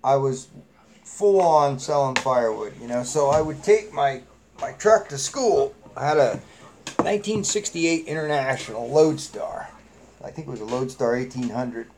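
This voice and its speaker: A man's voice: medium pitch, normal speed, noisy background. A middle-aged man with a New England accent, hosting a live chat and telling rambling, salty, folksy stories full of fillers. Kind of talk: casual storytelling chat.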